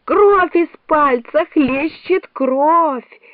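A woman reading a storybook aloud, voicing a fussy, fretful old queen with a shrill, wailing manner. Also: big pitch swings, measured pace, no room sound. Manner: shrill, high-pitched wailing. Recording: tinny, phone-like, dry.

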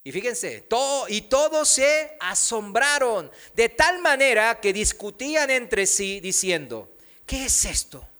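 High, slow, bright-voiced preaching man. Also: sing-song, clean tone. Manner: preaches slowly with emphatic pauses and rhetorical questions. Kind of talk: sermon. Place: church.

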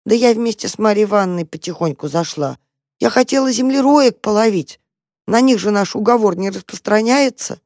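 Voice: mid-range voice, expressive, brisk, darkish tone, no echo, clean studio sound, pitched above the performer's own voice, lightly acted. A storyteller voicing a frightened, starving female cat who whines and pleads in a tearful voice. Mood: whining, pleading.

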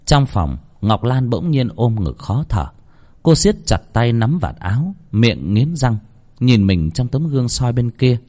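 A man narrating a horror story in an expressive, suspenseful way. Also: medium pitch, unhurried. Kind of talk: dramatic horror story reading.

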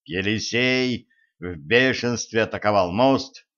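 Slow-reading male audiobook narrator. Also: fairly low pitch. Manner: measured, even reading. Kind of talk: scripted narration. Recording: dull lo-fi recording.

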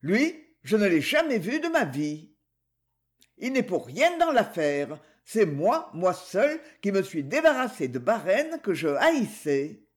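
A woman's voice: mid-range voice, sing-song, slow. A woman reading aloud, voicing a jealous, vengeful male bandleader who speaks coldly and cynically. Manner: cold, cynical.

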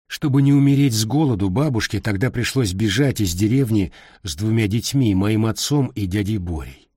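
A middle-aged man reading his own memoir aloud, calm and reflective in a measured way. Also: lowish voice, husky, no room sound, clean studio sound. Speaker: narrator.

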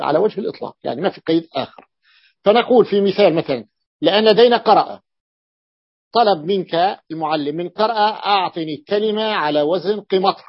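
A man teaching Arabic grammar in a classroom lesson, explaining slowly, repeating words and asking his students questions. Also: fairly high pitch, husky, dry recording, dull audio.

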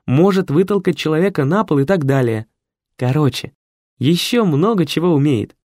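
Man narrating an audiobook, theatrical, animated, fairly high voice, dry. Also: dry recording. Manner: lively, theatrical. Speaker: audiobook reader.

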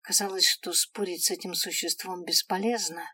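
A woman giving a lively, expressive first-person storybook narration. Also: lowish voice, moderate pace, slightly rough. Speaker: audiobook narrator.

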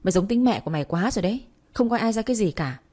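A woman voicing a stern, angry middle-aged father who shouts and scolds, in a Vietnamese audio story. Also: medium pitch, animated, rapid-fire, lightly acted. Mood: angry scolding.

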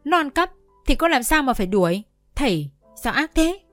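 Một người phụ nữ đọc lời một cậu bé hiền lành, nói giọng nũng nịu, phụng phịu. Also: female voice, on the high side, brisk, no echo, faint music behind, natural voice. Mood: pleading. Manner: coaxing, childishly indignant. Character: older boy, soft-hearted and pleading.

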